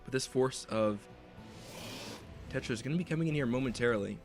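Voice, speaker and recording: A man's voice: medium pitch, brisk, soft background music. A young man giving play-by-play commentary on a strategy game, speculating on each move as it happens. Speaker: esports caster.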